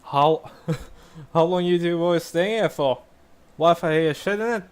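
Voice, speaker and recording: A young man doing a rough, loud imitation of a pushy, chatty middle-aged British man he met. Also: a little high, measured pace, pitched above the performer's own voice, close to an everyday voice.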